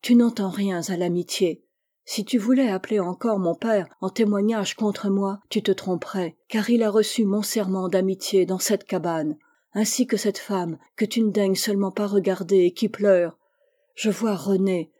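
A woman's voice: medium pitch, steady tone, moderate pace, warm tone, lightly acted. A woman reading as an anguished young warrior. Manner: impassioned, pleading speech.

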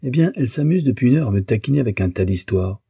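A man's voice: mid-range voice, expressive, fast talker, gravelly, warm tone, slightly rough, no room sound, studio quality, pitched above the performer's own voice, exaggerated voice. A man voicing an evasive, blustering middle-aged husband who protests in a flustered way.

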